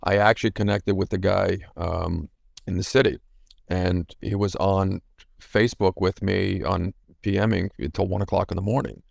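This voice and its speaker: Gravelly low-voiced middle-aged man. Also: steady tone, normal speed, darkish tone, no echo, studio quality. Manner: frank, emotional, swears casually. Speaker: coaching client. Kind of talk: candid personal story in a coaching interview.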